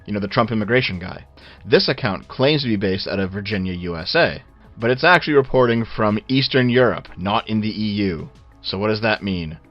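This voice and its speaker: A man giving casual, blunt and sardonic video commentary with swearing, on a low-quality, low sample rate recording. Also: lively intonation, fairly quick, lo-fi sound, soft background music.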